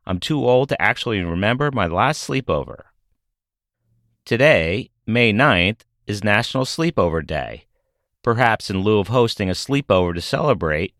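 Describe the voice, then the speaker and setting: Middle-aged man, podcast host, scripted delivery, expressive intonation, dry close sound. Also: fairly low pitch, no room sound.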